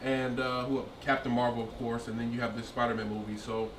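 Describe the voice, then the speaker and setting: A man's voice: medium pitch, completely flat delivery, fast. Man musing aloud in an echoey room. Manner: hesitant, thinks aloud with many fillers. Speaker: podcast co-host. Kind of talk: casual chat. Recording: echoey room, distant mic, faint noise.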